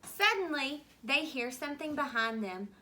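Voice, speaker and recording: A woman teacher reading a picture book aloud to children, gently pointing out the pictures and explaining. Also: high voice, sing-song, normal speed, a little hiss or hum.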